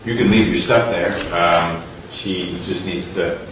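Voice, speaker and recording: A man presiding as judge over a court hearing, speaking in a measured, wry way with halting fillers. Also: deep voice, fairly even intonation. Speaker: trial judge. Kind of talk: courtroom proceedings. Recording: distant roomy courtroom audio with noise.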